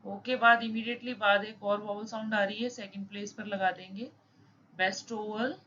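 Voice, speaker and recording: A woman who teaches shorthand explains a lesson with examples, reading the English rules slowly before explaining them in a mix of Hindi and English. Her voice is medium-pitched, fairly even, and sharp, and the recording is slightly dull with faint noise.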